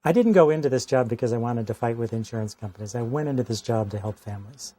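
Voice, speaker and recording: An American man, a doctor, gives a personal testimonial in a measured, earnest and articulate way. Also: medium pitch, dark tone. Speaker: pediatric oncologist.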